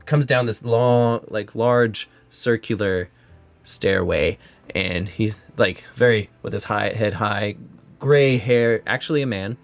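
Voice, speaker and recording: A man narrating as game master, describing scenes in a rambling way with many fillers. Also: fairly low pitch.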